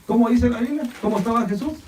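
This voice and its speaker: A male pastor preaching a sermon, swinging from loud, emphatic lines to hushed ones, repeating phrases and calling on the congregation to answer. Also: very high voice, quick pace, echoey room, far from the mic, a little hiss or hum, rough recording. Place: church hall.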